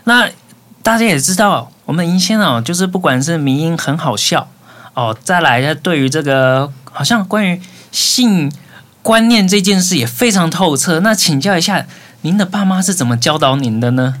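A man's voice: fairly high pitch, expressive, normal speed, fairly bright tone. Man moderating a podcast. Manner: moderating, sums up and asks questions. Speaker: podcast host. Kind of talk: casual chat.

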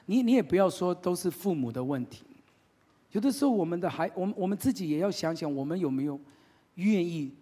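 High-voiced animated male preacher. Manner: animated, humorous storytelling with emphatic repetition. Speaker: pastor. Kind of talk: sermon.

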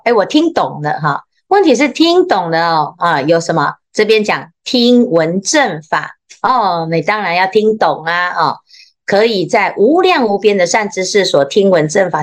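A woman with a Taiwanese Mandarin accent, a Buddhist nun giving a dharma talk in a lively way, full of little interjections, slowing down to read sutra lines. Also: mid-range voice. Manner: slows down when reading sutra lines. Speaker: Buddhist nun teaching scripture.

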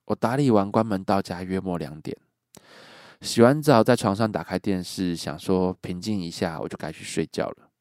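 A man's voice: low voice, normal speed, a little mellow, no room sound, studio quality. A man hosting a podcast, bluntly telling a creepy true story and swearing casually.

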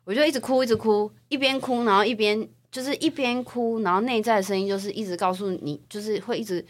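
A young woman from Taiwan, co-hosting a casual podcast chat and telling personal stories in a chatty, animated way. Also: mid-range voice, fast. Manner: chatty, animated storytelling with rising excitement. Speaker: podcast co-host.

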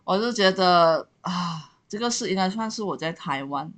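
A woman's voice: fairly low pitch, animated, moderate pace, fairly bright tone, slight background noise. A woman from Malaysia, co-hosting a casual podcast chat, laughing often and repeating her words. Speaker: podcast co-host.

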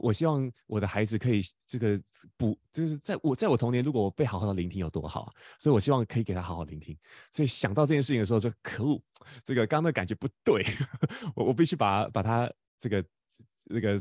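A podcast host, rattling along at a quick clip and tripping over repeated words. His voice sits fairly low. The sound is dry and close, with no room around it. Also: animated, a little mellow, no room sound. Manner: fast, stammering restarts, laughs often. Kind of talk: casual storytelling chat.

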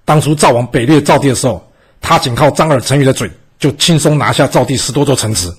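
A man voicing a bold, clever young male army cook who argues calmly and persuasively. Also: medium pitch, quick pace, husky.

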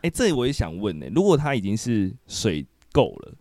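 A man's voice: fairly low pitch, sing-song, moderate pace, warm tone, no echo, studio quality. Curious man hosting a podcast. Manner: curious, asks many follow-up questions. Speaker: podcast host. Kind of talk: casual interview chat.

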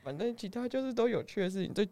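A woman's voice: a little high, rapid-fire. A woman with a Taiwanese Mandarin accent, hosting a casual podcast and telling stories with frequent giggles. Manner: giggly, lively storyteller. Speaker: podcast host. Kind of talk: casual chat.

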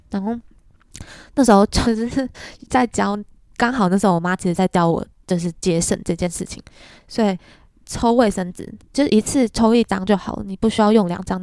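A young woman with a Taiwanese Mandarin accent hosts a podcast, chatting through stories in a casual monologue and often laughing at herself. Her mid-range voice has a darkish tone. The sound is clean studio quality with no echo.

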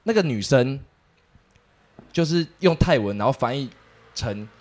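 A man telling a story as a podcast co-host, animated and acting out the people in it. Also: medium pitch, unhurried, a little hiss or hum. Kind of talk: casual storytelling chat.

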